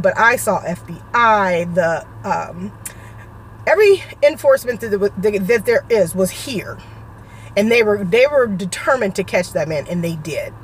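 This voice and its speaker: A woman's voice: mid-range voice, a little hiss or hum. Emotional woman vlogger fighting back tears. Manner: emotional, halting, on the verge of tears. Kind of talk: personal update vlog. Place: suburban home.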